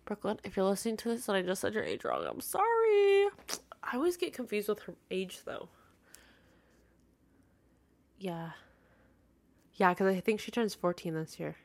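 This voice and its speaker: A young woman at an ordinary middle pitch, talking through her own podcast in a loose, rambling way. She circles back on herself and fills gaps with asides, but she sounds open and heartfelt. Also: wildly swooping pitch, normal speed, gravelly. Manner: rambling and chatty, full of fillers and asides. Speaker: podcast host. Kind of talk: casual solo podcast monologue.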